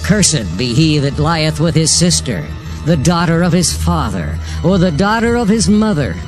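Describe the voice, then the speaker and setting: A man's voice: on the high side, big pitch swings, measured pace. A man playing a stern ancient prophet, solemn and declamatory, in a dramatized Bible reading over music. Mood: stern, condemning. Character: stern ancient prophet proclaiming sacred law and curses.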